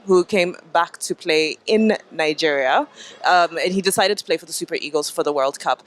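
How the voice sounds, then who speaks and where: Young woman host, bubbly chatty interviewer. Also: fairly low pitch. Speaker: sports show host. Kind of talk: on-location interview.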